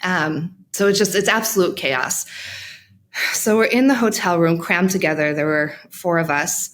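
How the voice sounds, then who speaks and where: Speaking low, a female mental health practitioner tells an interviewer a story from her life, pausing frequently and beginning sentences again as she reflects.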